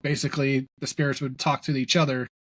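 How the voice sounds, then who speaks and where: A man co-hosting a casual podcast chat, agreeable and trailing off quietly at the ends of thoughts. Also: mid-range voice, little pitch movement, quick pace, no echo. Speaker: podcast co-host.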